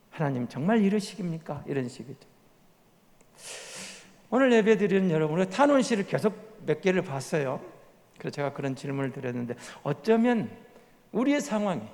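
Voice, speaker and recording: A male pastor preaching a sermon in a church sanctuary, earnest, swinging from hushed explanation to loud pleading. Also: high voice. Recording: long reverb of a church hall.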